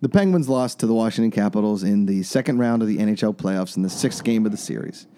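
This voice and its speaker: A man's voice: lowish voice, fast, warm tone, slight background noise. A man co-hosting a casual podcast, earnest and self-deprecating as he thinks aloud. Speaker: podcast co-host. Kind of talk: casual chat.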